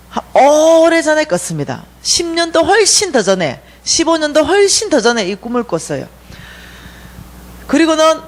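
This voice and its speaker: Animated Korean woman telling a church testimony. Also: on the high side. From South Korea. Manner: animated storytelling, acting out dialogue. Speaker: guest speaker at a church revival. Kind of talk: sermon testimony.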